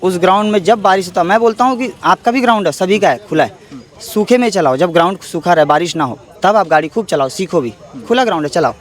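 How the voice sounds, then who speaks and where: A man's voice: high voice, animated, fast. A young man, a paramilitary jawan and cricket coach, giving a defensive, emphatic street interview outdoors and often calling the reporter "sir".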